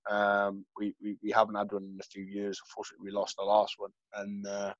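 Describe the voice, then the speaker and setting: Chatty low-voiced man. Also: completely flat delivery, quick pace, dry recording, muffled recording. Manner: chatty, says "mate" often, many restarts. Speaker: podcast co-host. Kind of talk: casual chat. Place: home workshop.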